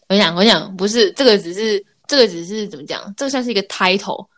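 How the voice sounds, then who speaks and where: A woman's voice: medium pitch, fairly quick. Woman, 20s, Taiwanese Mandarin accent, chatty co-host who laughs a lot and acts out voices in her stories. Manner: animated storyteller, laughs often, acts out quotes; mixes in English words. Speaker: podcast co-host. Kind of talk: casual chat.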